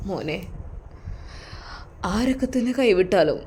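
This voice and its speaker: A woman voicing a frail, grieving old father in a spoken story. She gives him a soft, pleading, tearful manner. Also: medium pitch, animated, takes it slowly, slight background noise.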